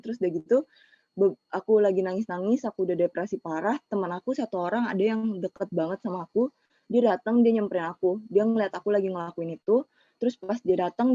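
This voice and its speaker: A woman's voice: on the low side, dark tone, no echo. A young woman, telling an emotional personal story in casual slang for a webinar over a video call. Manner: emotional, confessional, Jakarta slang. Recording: muffled lo-fi online call audio.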